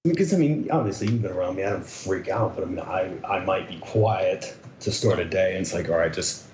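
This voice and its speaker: A man chatting casually as a podcast co-host in a halting, dry, bantering way, sounding as if he is inside a car wash. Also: deep voice, a little mellow. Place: echoey room with whirring background noise. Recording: roomy, dull, noisy whirring like a car wash.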